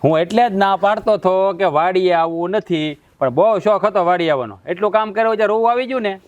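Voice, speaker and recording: A man's voice: mid-range voice, normal speed, no echo, dull audio, close to an everyday voice. An actor playing a hot-tempered young village man who protects his sister, speaking angrily in a village family drama. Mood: mocking. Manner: angry, heated. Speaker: protective brother.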